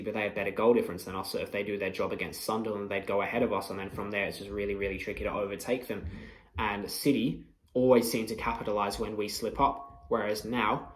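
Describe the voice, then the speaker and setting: Hosting a fan channel, this young man delivers a heated post-match reaction in a lowish voice with a roomy sound. He swears freely and taunts the rivals with passion.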